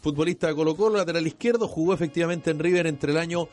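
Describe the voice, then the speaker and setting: A man co-hosting a radio talk show, nudging the others along with quick questions. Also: a little high, flat delivery, darkish tone, faint music behind. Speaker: radio co-host. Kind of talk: casual radio banter. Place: radio studio.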